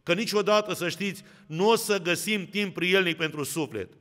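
Male preacher, bright clear voice, slightly high, Romanian accent, long hall reverb. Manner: addresses the congregation directly with questions. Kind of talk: sermon.

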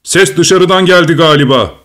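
Nervous, eager courtier, played by a male narrator, slightly higher voice. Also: normal speed, a bit bright, lightly acted. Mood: placating.

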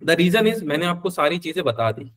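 A young man teaching physics in a live online class, with a slightly high voice. He talks in a chatty, fatherly way, mixing in terms. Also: sing-song, moderate pace, fairly bright tone. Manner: chatty, calls students beta, answers their questions.

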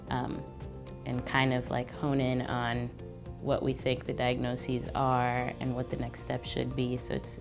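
A young woman from New York City, a medical student, speaking casually and with enthusiasm in a studio interview. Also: rumbling low. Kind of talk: interview testimonial. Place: studio with gray backdrop. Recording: background music clearly heard.

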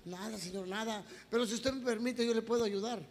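A Mexican man playing a courteous young male student with a calm, polite manner and a bright, high voice. The sound rings in an echoey hall. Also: a little fast, close to an everyday voice. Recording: echoey hall, faint background noise.

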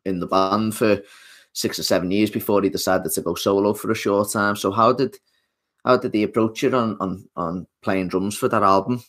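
A young man with a fairly low voice hosts the podcast. He asks his questions haltingly, restarting his sentences and filling the pauses with ums. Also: steady tone, a bit bright. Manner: hesitant, many restarts and fillers. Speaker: podcast host. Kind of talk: interview questions.

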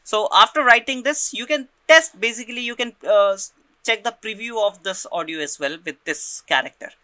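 Sharp-voiced man walking through a tutorial. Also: sits high, normal speed, dry recording. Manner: explains step by step, often checks in with "right?" and repeats words. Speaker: tutorial presenter. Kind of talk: screen-recorded software tutorial.

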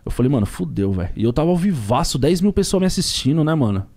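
A man's voice: a little high, sing-song, fast talker, dark tone. A young man, a ride-share driver telling a story as a podcast guest, full of slang and acted-out dialogue. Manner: slangy and street-talking, acts out dialogue.

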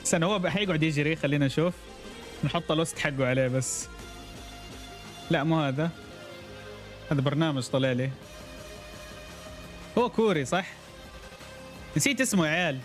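A man's voice: fairly high pitch, a little fast, pauses often, faint music behind. A man streaming a game, chatting and reacting aloud and greeting viewers by name. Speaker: gaming streamer. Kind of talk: casual gameplay commentary.

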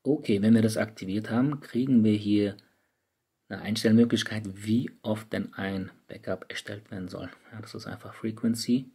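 Gravelly-voiced man explaining phone settings. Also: on the low side, fairly even intonation, normal speed, warm tone. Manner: casual, chatty, addresses viewers directly. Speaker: tech YouTuber. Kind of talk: screen-recorded app tutorial. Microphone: studio microphone.

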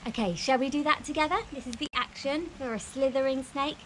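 A woman's voice: high-pitched, brisk, loud music behind the voice, poor audio. A woman in her thirties presenting a children's lesson outdoors in a broad, singsong kids' presenter manner. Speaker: children's phonics teacher and presenter. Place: outdoors in a home backyard. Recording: faint outdoor background noise.

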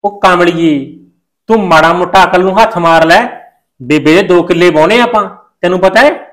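A man's voice: high-pitched, moderate pace, a bit bright, poor audio. Man playing a firm young farmer son. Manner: reassuring, firm and coaxing. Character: farmer son and husband, reassuring yet firm. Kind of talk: short-film village drama acting.

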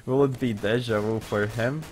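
A man's voice: mid-range voice, fairly even intonation, normal speed, soft background music. A man casting a live shooter match, amused and often laughing in disbelief at the plays. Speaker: esports caster. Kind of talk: live game commentary. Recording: game gunfire noise behind voice. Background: game gunshots and clicks.

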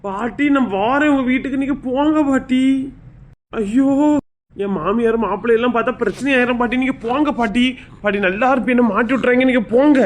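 A woman's voice: fairly high pitch, brisk, natural voice. A woman playing a flustered young female borrower with a Kanyakumari Tamil accent, anxiously pleading with an old lender to leave.

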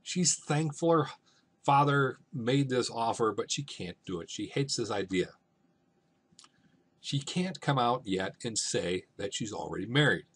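Husky man explaining a play. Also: mid-range voice, animated, measured pace. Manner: conversational, often asks "right?". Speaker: teacher. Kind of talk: literature lesson commentary.

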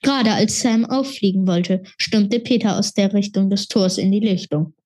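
A woman's voice: mid-range voice, moderate pace. Woman reading a children's fantasy book. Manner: expressive, steady storytelling. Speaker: reader.

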